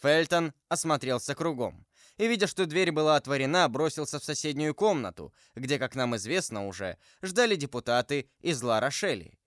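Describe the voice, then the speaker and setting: Brief: male audiobook narrator, even and measured, dry close sound. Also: on the high side, no echo. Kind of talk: audiobook reading of a classic novel.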